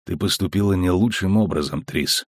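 A man voicing a weary, gruff monster hunter in an audiobook, quiet and curt. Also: deep voice, normal speed, no room sound. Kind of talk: audiobook reading.

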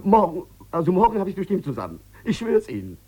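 An actor playing a desperate, sick gambler in debt, pleading and stammering on the phone in a 1950s radio play. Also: male voice, high voice, huge pitch swings, quick pace, warm tone, husky, muffled recording, exaggerated voice. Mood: feverish pleading. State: feverish. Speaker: lead character in a radio drama.

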